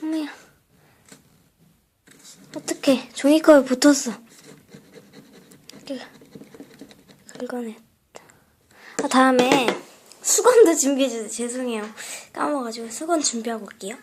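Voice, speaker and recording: A woman's voice: high voice, measured pace, long pauses, noisy background. Chatty young woman making a craft tutorial. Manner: chatty, drops to soft whispers while working. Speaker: craft vlogger. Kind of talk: casual step-by-step craft tutorial.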